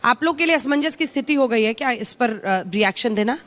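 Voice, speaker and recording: A woman news anchor with a high voice runs a televised debate briskly. She hands the floor around and firmly cuts off panelists who talk over each other. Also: animated, a bit bright. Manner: brisk and firm, cutting in to keep order. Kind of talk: moderating a TV debate.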